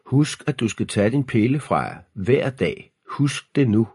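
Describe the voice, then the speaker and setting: A worn-out father from a storybook, sighing and insistent, with a low husky voice, as a male narrator reads him. He nags the children to behave. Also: animated, no echo, clean studio sound. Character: weary fussing father driving the kids.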